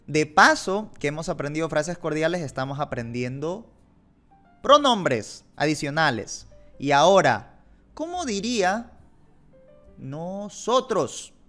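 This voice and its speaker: A man's voice: fairly high pitch, animated, takes it slowly, fairly bright tone, faint music behind. A young man teaching a beginners' language lesson, patiently repeating words and asking learners questions. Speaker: Mandarin teacher.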